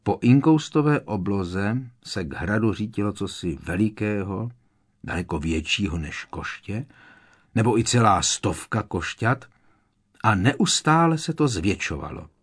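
Low-voiced man narrating an audiobook. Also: slightly rough. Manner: measured, expressive storytelling. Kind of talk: scripted narration.

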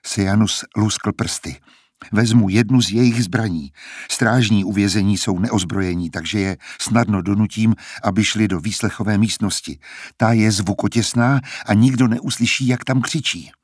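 A man's voice: on the low side, husky, no echo, clean studio sound. A man voicing an earnest, determined young man who talks in an urgent, persuasive way, in a storybook reading.

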